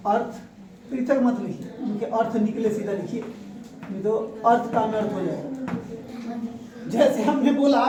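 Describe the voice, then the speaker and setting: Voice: mid-range voice, dark tone, a little hiss or hum. A teacher leading a grammar revision lesson, asking the class questions and repeating the key answers. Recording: echoey room, voice from far off.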